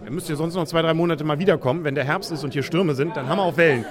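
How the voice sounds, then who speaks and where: Fast-talking man interviewing in the street. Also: on the high side. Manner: chatty, jokey questions. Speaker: radio podcast host. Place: outdoors in a busy city. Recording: crowd noise behind. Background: crowd.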